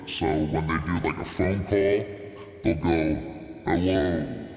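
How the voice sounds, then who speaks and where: A man's voice: steady tone, unhurried, darkish tone. Man through an echoing monster-voice filter. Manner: explanatory, casual. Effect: deep monster voice changer with echo. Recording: echoey reverb from voice effect.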